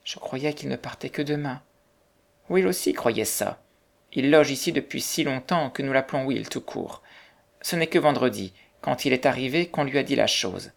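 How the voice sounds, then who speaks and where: Reader as chatty landlady, gossipy, gravelly edge. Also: medium pitch, normal speed. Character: talkative motherly landlady.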